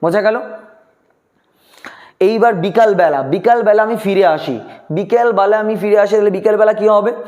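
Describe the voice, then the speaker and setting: A man teaching spoken English, dragging out model sentences slowly and coaxing students with questions. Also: high voice, darkish tone, muffled recording.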